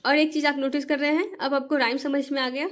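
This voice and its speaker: A woman teacher explaining to parents how to teach children to read. She breaks words into syllables and repeats each word slowly and patiently. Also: high voice, level tone. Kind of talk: slow, patient Hindi reading lesson.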